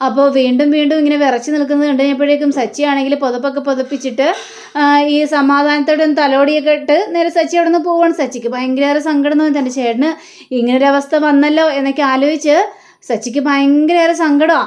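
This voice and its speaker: A woman's voice: high-pitched, fairly even intonation, fast, a little mellow. A woman casually retelling the plot of a TV serial episode, with frequent fillers. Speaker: serial review host.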